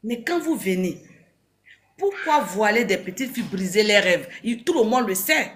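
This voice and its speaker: A woman's voice: medium pitch, sing-song, moderate pace. A woman from Ivory Coast giving a heated, insistent opinion on a talk show, repeating her phrases.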